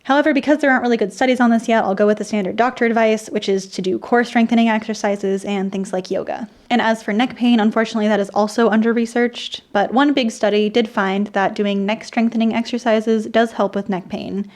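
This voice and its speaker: A woman presenting an explainer video, her voice dry and croaky, dropping into vocal fry at the ends of sentences. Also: fairly high pitch, steady tone, brisk, few pauses. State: dry, croaky, irritated throat. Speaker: host of an explainer video channel. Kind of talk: scripted explainer narration with personal asides.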